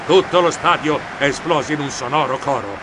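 A man narrating a children's storybook in a lively, expressive manner. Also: fairly high pitch, normal speed, noisy background. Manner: expressive, animated. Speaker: audiobook narrator.

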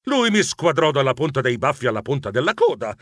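Animated man narrating a children's audiobook. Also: medium pitch, fairly quick, no echo, studio quality. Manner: animated, playful storytelling.

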